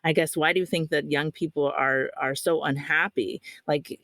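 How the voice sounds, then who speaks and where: A podcast host in their thirties with a middle-pitched voice, recorded in a dry, close setting with no room sound. They talk hesitantly in casual conversation, full of fillers and restarts, and laugh easily. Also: fairly even intonation, normal speed, a bit bright, no room sound.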